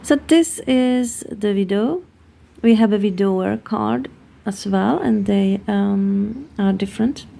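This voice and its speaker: Speaking in a mid-range voice, a tarot card reader with a Hungarian accent works through a card reading unhurriedly. Her tone is dark and mellow, very gravelly and full of vocal fry, and her delivery is halting as she often pauses to search for words.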